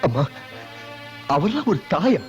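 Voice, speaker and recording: A man's voice: high voice, sing-song, unhurried, a little mellow. An actor dubbing a grown son who grieves and rages at his birth mother, speaking with passion and repeating his lines. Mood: anguished. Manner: impassioned, pleading, repeating lines. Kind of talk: dubbed film acting. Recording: muffled film soundtrack with music.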